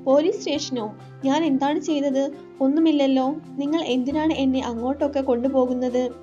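A woman's voice: high voice, fairly even intonation, normal speed, muffled recording, music in the background, lightly acted. A woman voicing a frightened young wife who pleads and protests through tears, in a read-aloud story. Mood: pleading.

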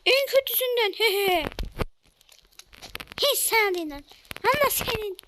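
Squeaky high young gamer ranting at the game, lots of background noise. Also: lively intonation, normal speed. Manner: talks to self, exclaims, easily frustrated. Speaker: gamer playing a platform game. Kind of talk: casual gameplay commentary.

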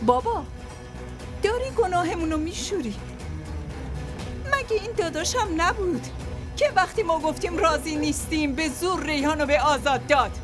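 A woman's voice: very high-pitched, expressive, long pauses. Anxious pleading mother. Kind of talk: Persian dub of a TV drama. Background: music.

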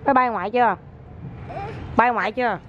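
A woman's voice: on the high side, a little fast, highs cut off, a little hiss or hum. Mother prompting her child outdoors. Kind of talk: casual family chat.

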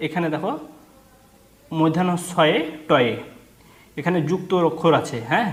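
Male teacher, patient and repetitive, sounds out letters step by step; slightly raised pitch. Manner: patient, repetitive, asks and answers own questions. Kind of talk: children's reading lesson. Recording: echoey room.

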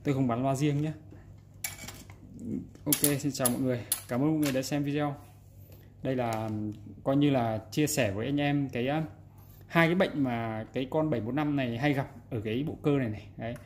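Fairly quick and steady, a man's medium-pitched, darkish voice guides viewers through a repair in an informal, show-as-you-go manner. He presents the video from an indoor repair workbench, amid background noise and room ambience.

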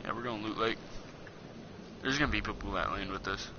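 A man's voice: fairly low pitch, brisk. A young man chatting casually and joking while playing an online game with friends. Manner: joking, rambling, playful. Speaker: gamer streaming with friends. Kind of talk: casual gameplay chat. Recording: dull lo-fi game capture with loud background noise.

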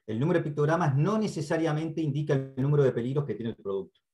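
An instructor with a Uruguayan Spanish accent gives an online training lecture through a computer mic on a video call, his voice fairly high, quick, and darkish. He explains steadily and patiently, repeats key points, and keeps checking on the class with frequent "¿sí?". Hesitant "eh" fillers and small restarts run through his speech.

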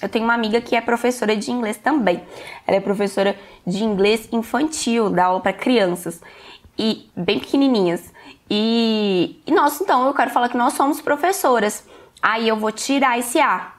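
A woman's voice: fairly high pitch, moderate pace. A woman teaching an online English lesson, explaining step by step and often checking in with "ok?".

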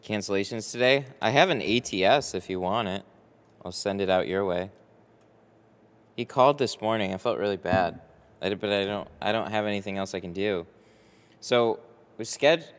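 In a garage workshop big enough for a boat, a window tinter in his early thirties chats casually with livestream viewers. He's an American man with a low, smooth voice, picked up by a close mic on a boom arm, and the room rings like a reverberant hall.

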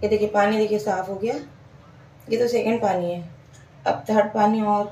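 A woman's voice: medium pitch, fairly even intonation, normal speed, dark tone, a little hiss or hum. A woman, casually narrating a home cooking vlog and explaining each step to her viewers. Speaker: home cook vlogger. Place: home kitchen. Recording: echoey kitchen, mic far off.

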